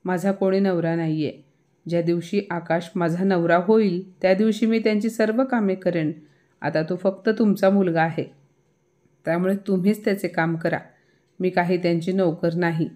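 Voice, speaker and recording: A woman voicing a calm, defiant young bride. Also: fairly low pitch, moderate pace, lightly acted. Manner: calm, dry retorts.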